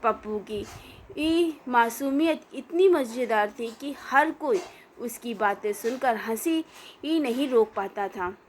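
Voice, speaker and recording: A woman reading a comic children's story aloud in an unhurried way, with many hesitations. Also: fairly high pitch, expressive, slight background noise.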